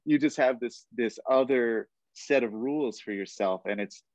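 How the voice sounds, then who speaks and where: A man's voice: medium pitch, moderate pace, no room sound, lo-fi sound. A man hosting a podcast and chatting casually, rambling and leaning heavily on "like" as he talks. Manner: rambling, heavy use of "like", relaxed. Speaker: podcast host. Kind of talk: casual interview chat.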